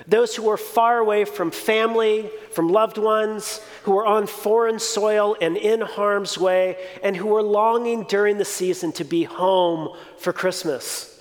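Pastor, forties, male, conversational reflective sermon delivery, higher voice. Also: steady tone, a little slow, hardly any pauses. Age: 40s. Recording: reverberant hall.

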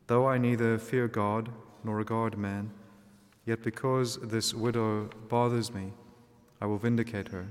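A male priest reading the gospel and preaching in a measured, deliberate way, his voice carrying a cathedral echo. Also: fairly low pitch. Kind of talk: liturgy, gospel reading and homily. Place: large church. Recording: long reverb of a large church.

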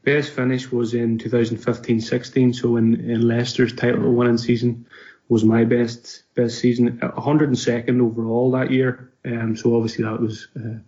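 A man with a Donegal Irish accent talks casually as an interview guest. His voice moves little in pitch and sits at a middling height. The audio is slightly dull and lo-fi, like a call. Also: flat delivery, normal speed, mellow. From Donegal, Ireland. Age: 30s. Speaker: podcast guest.

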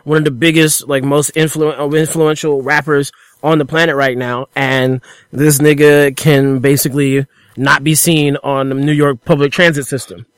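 Man with a slightly high voice, chatty. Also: moderate pace, few pauses, clean tone, dry recording, studio quality. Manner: animated storyteller, casual and profane. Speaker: podcast co-host. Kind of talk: casual chat.

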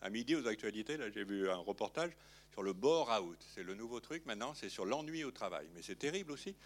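A man with a lowish voice, talking about his film in an interview. He rambles on in loose, unhurried sentences, circling back and filling the gaps with small tag words. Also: expressive. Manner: rambling, filler-heavy, frequent "hein". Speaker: film director. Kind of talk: interview conversation.

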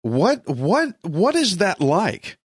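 A man's voice: high-pitched, wildly swooping pitch, takes it slowly, husky, no echo, studio quality. A man hosting a faith talk show, interviewing a guest in an encouraging, affirming way.

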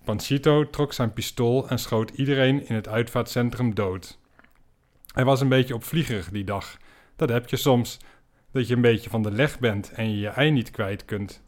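A man hosting a podcast, telling an absurd comic story in a dry, deadpan way. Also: medium pitch, moderate pace. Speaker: podcast host.

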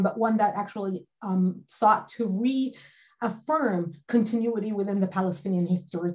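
A woman's voice: medium pitch, darkish tone, low-quality recording. A woman from the Galilee speaking as a researcher on an academic panel, earnest and explanatory, with frequent fillers. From Israel (Galilee).

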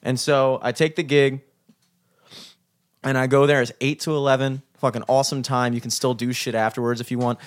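A young man tells a story in a loose, rambling way, with likes and curse words piling up as he goes. His voice sits in an ordinary middle pitch. It is casual chat among friends. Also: level tone, fairly quick. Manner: rambling, lots of fillers and swearing. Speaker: musician.

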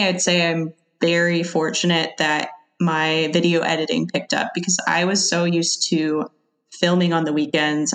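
A woman with a slightly low voice chats as a podcast guest. She is informal and somewhat tentative, working out her thoughts aloud in an everyday conversational style. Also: low-quality recording. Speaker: podcast guest, freelance video editor.

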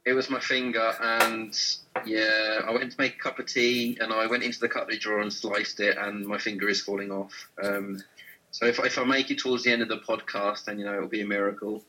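A man hosting a podcast interview, chatty and relaxed, with lots of ums. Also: fairly low pitch, brisk, a little hiss or hum, poor audio. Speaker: podcast host.

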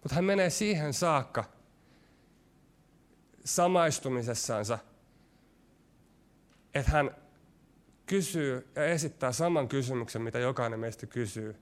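A man preaching a sermon, his delivery shifting between quick, pressing stretches and slow, hushed lines. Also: medium pitch, lively intonation. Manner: varied delivery, rushing ahead then dropping to slow, hushed lines.

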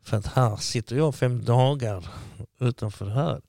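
A man's voice: medium pitch, creaky, warm tone, no echo, studio quality. A man, the guest, telling a long story casually and acting out what people said to him.

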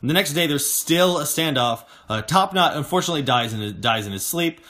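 Young man, bright voice, slightly high, playful, laughing asides, casual podcast recap. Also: lively intonation, brisk. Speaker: podcast host recapping episodes.

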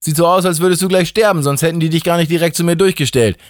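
A man's voice: steady tone, fast, no echo, clean studio sound, natural voice. A man playing a frazzled, drugged-up God. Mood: exasperated. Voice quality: rambling, exasperated, rising to a high pitch. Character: stressed drug-addled God, male, ancient, irritable.

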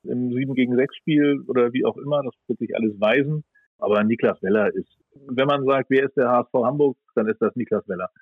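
A man speaking as a sports pundit thinks aloud while weighing his views, giving conversational, considered analysis. His medium-pitched voice is slightly rough and fairly quick, recorded without echo on dull, band-limited audio.

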